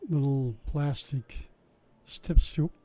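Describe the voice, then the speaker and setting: Speaking slowly in a mellow, medium-pitched voice with a steady tone, an older man shares stories in a relaxed interview. He looks back on his work running science shows, chatty and wry, frequently starting over mid-thought.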